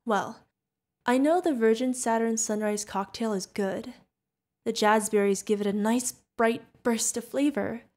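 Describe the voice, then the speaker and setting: Playing a sweet, curious, friendly feathered alien bartender for ASMR, a woman talks directly to the listener in a little high, a little mellow voice that runs a little slow. The mood stays friendly and chatty.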